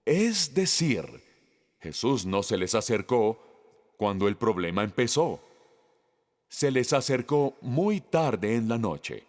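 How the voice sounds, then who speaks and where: A man preaching a sermon, slowly and emphatically, putting questions to the congregation. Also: medium pitch, big pitch swings, a little mellow, big-room sound. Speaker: pastor.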